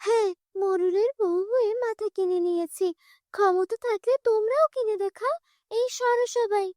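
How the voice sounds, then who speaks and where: A haughty headman's wife in a cartoon, bossy and scornful toward the poorer women as a woman voices her. Her voice is very high and sharp with contempt. The recording is dry and close. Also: moderate pace, no room sound. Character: arrogant village headman's young wife.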